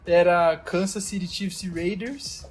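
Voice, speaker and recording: A man's voice: high-pitched, fairly even intonation, a little slow, faint music behind. A man with a Brazilian Portuguese accent telling a travel story in casual chat, loose and slangy, full of fillers.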